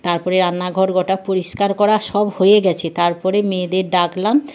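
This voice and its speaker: A woman's voice: on the low side, little pitch movement, normal speed, darkish tone. A middle-aged woman with a Bengali accent chatting through a cooking vlog from her home kitchen, talking to viewers like friends. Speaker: vlogger and housewife. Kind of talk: casual cooking vlog narration.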